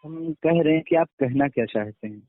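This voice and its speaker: A man's voice: a little high, a little fast, no echo. Interrupting man on a phone call. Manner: interrupts, insists on being heard. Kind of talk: heated phone argument. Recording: tinny phone line, dry.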